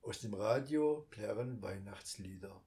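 Slow, careful male storybook reader. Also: on the low side, warm tone. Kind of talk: storybook reading.

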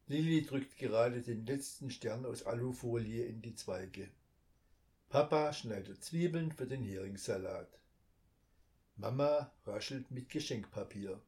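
A man reading a children's story aloud at a slow, careful pace. His voice sits at an ordinary male pitch, and he lets each sentence settle before moving on. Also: a little mellow.

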